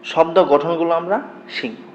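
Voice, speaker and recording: A man's voice: on the high side, moderate pace. A man teaching Korean letters in a lesson, patiently asking questions and answering them himself. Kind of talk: classroom-style lesson explaining letters. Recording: echoey room, slightly dull lo-fi sound.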